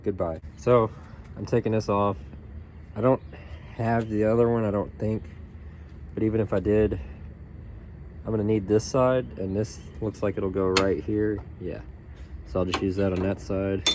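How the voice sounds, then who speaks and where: Low-voiced man with dry sarcasm. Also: level tone, normal speed, pauses often. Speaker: car repair vlogger. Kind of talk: casual narration while working. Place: garage or driveway by a running car. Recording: loud engine noise behind.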